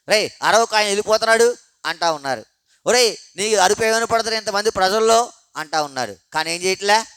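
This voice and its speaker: A man with a high, smooth, resonant voice preaches to a prayer meeting through a handheld microphone. He fires rhetorical questions and answers them himself, swinging from loud emphasis to quiet low asides. The sound is dry and close. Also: dry recording. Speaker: pastor. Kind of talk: sermon.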